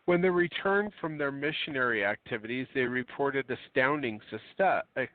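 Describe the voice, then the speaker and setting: A man reading a religious book aloud with digressive asides, often clearing his throat and correcting himself. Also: medium pitch, moderate pace, no room sound. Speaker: religious radio reader and commentator. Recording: dry tinny phone-line audio.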